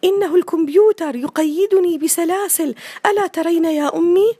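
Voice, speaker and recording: A woman voicing a young boy who feels chained to his computer, speaking in a high, plaintive, complaining voice. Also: a little fast, mellow.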